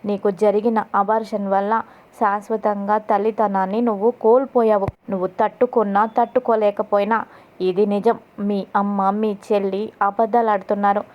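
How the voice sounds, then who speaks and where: A woman's voice: mid-range voice, little pitch movement, moderate pace, lo-fi sound, lightly acted. A woman narrator voicing a harsh, scheming middle-aged mother-in-law who speaks bluntly and scolds.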